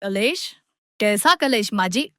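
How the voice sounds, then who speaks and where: A woman's voice: medium pitch, lively intonation, takes it slowly, bright, forceful tone, no echo, studio quality. A woman voicing a clever young daughter-in-law in a cartoon, pleading at times and sly at others. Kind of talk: cartoon voice acting.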